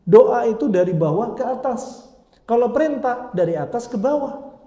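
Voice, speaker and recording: Male preacher, high mellow voice, casual storytelling lecture, roomy echo. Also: expressive, moderate pace. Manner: colloquial storytelling with Arabic phrases. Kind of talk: Islamic study lecture.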